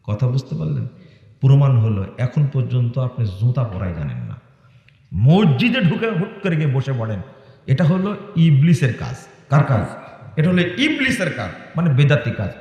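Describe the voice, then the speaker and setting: Scolding preacher in an echoey hall. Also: male voice, medium pitch, huge pitch swings, moderate pace, muffled recording. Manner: scolding, rhetorical questions, rising to shouts. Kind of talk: Bengali waz sermon. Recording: echoey hall with long reverb.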